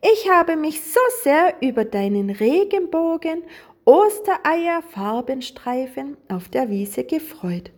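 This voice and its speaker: A woman voicing a gentle female rainbow spirit with a soft, lilting, kind manner. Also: high-pitched, big pitch swings, slow pace, full character voice. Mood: tender.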